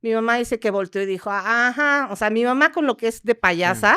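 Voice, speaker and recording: Mexican woman telling a story clearly. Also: on the high side, brisk. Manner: lively storyteller who acts out quoted family members. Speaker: podcast guest. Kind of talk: casual storytelling in a podcast interview.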